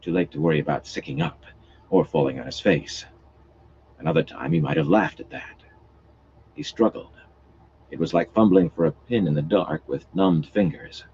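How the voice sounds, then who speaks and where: Deep-voiced man reading a novel aloud. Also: normal speed, a little mellow, muffled recording, slight background noise. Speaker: audiobook reader.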